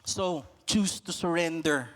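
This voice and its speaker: Animated Filipino preacher in a reverberant church. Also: male voice, fairly high pitch, takes it slowly. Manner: animated, acting out everyday scenes in raised voices. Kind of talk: Taglish sermon. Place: church hall.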